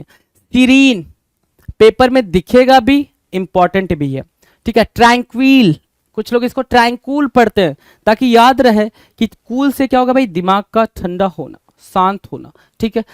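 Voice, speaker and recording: A man's voice: high voice, lively intonation, moderate pace, clean tone, no echo. A man teaching an exam-prep vocabulary lesson, repeating each question back to his students.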